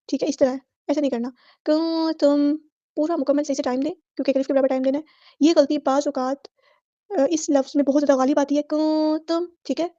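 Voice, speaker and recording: A woman teaching Quran recitation rules. She explains each rule briskly in a methodical way, then recites the words slowly and draws out the vowels. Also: high-pitched, mellow, dry recording. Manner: methodical, repeating set phrases for every letter. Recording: dull lo-fi dry audio.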